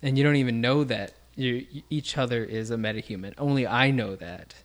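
Man, casual podcast chat, rambling, lots of "like", mid pitch. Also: brisk. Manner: rambling, many fillers and restarts. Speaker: podcast co-host.

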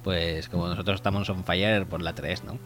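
A man from co-hosting a casual sports podcast, bantering and protesting quickly, with half-mumbled asides. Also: low voice, steady tone, fairly bright tone, soft background music. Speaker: podcast co-host.

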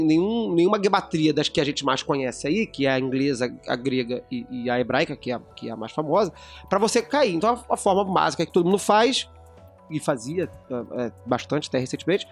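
A man's voice: on the high side, husky. A man co-hosting a casual podcast discussion, explaining at length with frequent restarts. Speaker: podcast co-host.

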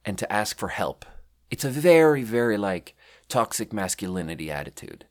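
A man in his thirties from Sweden, chatting casually as a podcast host, rambling and self-deprecating as he reads out his own writing. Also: fairly low pitch. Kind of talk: casual chat.

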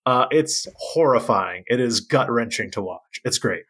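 Male co-host, deadpan humor, bright forceful tone. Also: medium pitch, a little slow, breathy edge. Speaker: podcast co-host. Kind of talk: casual comedic chat.

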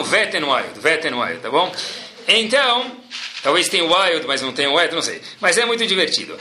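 Animated Brazilian man telling a story. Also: high-pitched, echoey room, slight background noise. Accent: Brazilian Portuguese. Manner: animated, addresses listeners as "pessoal", adds asides. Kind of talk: storytelling talk to an audience.

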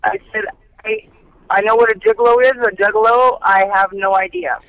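A woman's voice: medium pitch, fairly even intonation, brisk, fairly bright tone, clear, resonant tone. A woman chatting on speakerphone from her car, giving dry, matter-of-fact answers over a phone line. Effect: on speakerphone in a moving car. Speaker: host's mother on a call. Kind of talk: casual phone chat.

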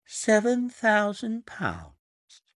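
A man's voice: high-pitched, huge pitch swings, extremely slow, fairly bright tone, dry recording, clean studio sound, pitched above the performer's own voice, full character voice. A man voicing a smug, middle-aged male blackmailer with an oily, mock-sympathetic manner in an audiobook reading.

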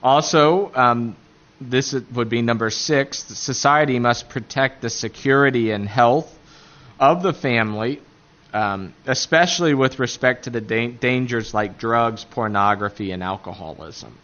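A man with an Appalachian accent giving a religious lecture point by point, haltingly searching for words. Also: medium pitch, fairly bright tone, lo-fi sound. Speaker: catechism teacher.

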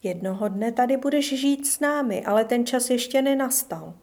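A woman voicing a gentle old grandfather in a storybook reading, speaking softly and reassuringly. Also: on the high side, close to an everyday voice. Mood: tender. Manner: soft, loving, reassuring.

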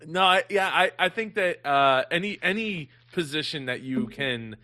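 Bright-voiced male host on a video call. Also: a little high, animated. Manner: halting, many fillers and restarts. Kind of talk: casual Q&A hosting.

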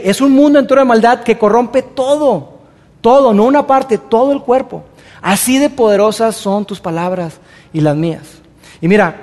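A man preaching a sermon as pastor, in a conversational way, acting out everyday excuses in quick asides. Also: sits high. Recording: long reverb of a large hall.

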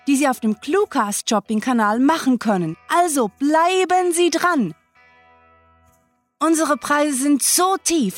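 A woman hosting a podcast, delivering a tongue-in-cheek TV shopping-channel sales pitch with exaggerated, bubbly hype. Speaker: podcast host.

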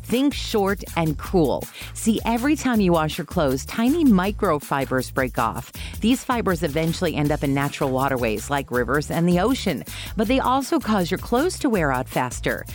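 A woman's voice: sits low, very animated, moderate pace, faint music behind. A woman co-hosting a morning radio show, chatting casually with laughs.

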